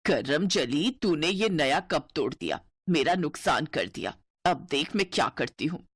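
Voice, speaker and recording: A woman's voice: deep voice, lively intonation, unhurried, breathy edge, dry recording, heavily acted. A woman voicing a harsh, cruel stepmother in a cartoon story, scolding in a bossy way.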